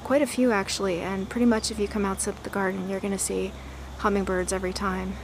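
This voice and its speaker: Relaxed woman touring her backyard garden. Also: mid-range voice, fast, noisy background. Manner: relaxed, admiring, thinks aloud with fillers. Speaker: gardener giving a garden tour. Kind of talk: casual walking tour narration.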